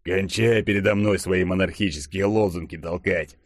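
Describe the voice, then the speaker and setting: A man voicing a seasoned, stern male chief who speaks in a gruff, measured, growling way. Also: low-pitched, steady tone, no room sound, clean studio sound.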